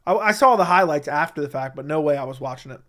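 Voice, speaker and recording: This MMA livestream host sounds animated, fast and a bit bright, his voice on the high side. Responding to chat in a casual stream, he's blunt and opinionated and hammers his points by repeating them.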